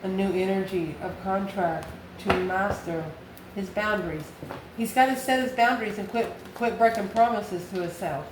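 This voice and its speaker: Talking straight to the listener, a woman hosting a tarot channel reads cards informally at a moderate pace, her voice pitched in the middle. She wonders aloud and answers her own questions, while the echoey room carries noticeable background noise.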